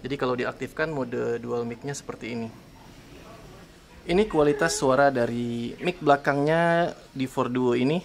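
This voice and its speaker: A man's voice: mid-range voice, moderate pace, gravelly. A man with an Indonesian accent, talking casually to camera outdoors while he tests a camera-top microphone aloud. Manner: chatty, testing mic aloud. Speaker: tech reviewer. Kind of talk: casual vlog demo. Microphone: camera-top microphone, turned front and back.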